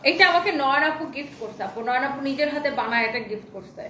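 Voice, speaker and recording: Fast, chatty woman selling sarees. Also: high-pitched, animated, bright, forceful tone, a little hiss or hum. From Bangladesh. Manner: chatty, enthusiastic sales patter. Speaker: online saree seller hosting a live stream. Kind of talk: live sales stream, reading viewer comments aloud. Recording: roomy echo.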